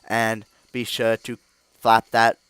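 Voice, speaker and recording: A man putting on a slow, stiff robot voice for an end-of-video sign-off bit. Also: on the low side, completely flat delivery, fairly bright tone, clear, resonant tone, no echo. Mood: mechanical. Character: slow stiff male robot, imitation of a game character.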